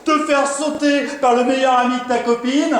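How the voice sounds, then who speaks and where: A man's voice: very high-pitched, fairly even intonation, normal speed, slight background noise. A man on stage playing an indignant, flustered cheating husband who sounds exasperated. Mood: backpedaling. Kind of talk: live stage comedy acting. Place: theatre stage in a hall. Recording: very echoey live hall recording.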